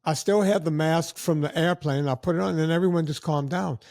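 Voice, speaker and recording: A man guest on a podcast, telling casual stories in an animated way and acting out what other people said. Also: a little high, fairly quick, vocal fry, no echo, studio quality. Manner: animated anecdotes with acted-out quotes of other people. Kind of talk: casual storytelling.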